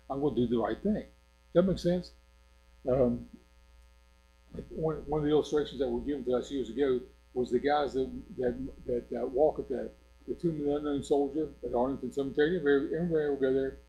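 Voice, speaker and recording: A man's voice: mid-range voice, dark tone, highs cut off, a little hiss or hum. An older man preaching an informal sermon in a church, rambling in a conversational way and often checking in with his listeners.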